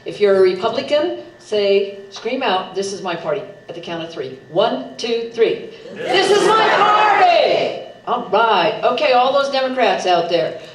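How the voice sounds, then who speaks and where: A woman's voice: medium pitch, animated, moderate pace. A woman in her seventies, a county candidate giving a playful, chatty speech at a public debate. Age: 70s. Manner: chatty, playful, gets the crowd chanting. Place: public meeting room. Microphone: handheld mic heard from a distant camera. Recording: roomy hall audio from far off, faint noise.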